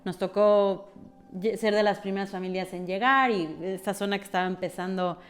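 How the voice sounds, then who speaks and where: A woman's voice: mid-range voice, steady tone, normal speed. A woman with a Mexican Spanish accent, a podcast guest who talks freely and thinks aloud with frequent fillers. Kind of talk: conversational interview.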